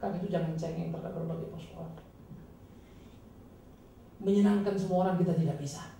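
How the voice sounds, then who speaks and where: A male pastor giving an emphatic, dramatic sermon with sudden loud, high bursts, recorded from a distance in a church hall. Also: steady tone, fairly quick, vocal fry. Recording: echoey hall, distant mic, faint noise.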